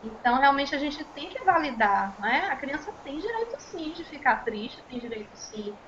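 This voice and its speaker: A woman with a Brazilian Portuguese accent, a child and speech therapist, explaining on a panel in a measured way with frequent tag questions. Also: high voice, sing-song, a bit bright. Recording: muffled, slightly noisy recording.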